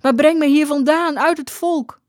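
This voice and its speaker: A woman voicing a drunk, bewildered young woman who pleads and wails in a high, plaintive voice. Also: fairly even intonation, normal speed, dry recording, studio quality, natural voice.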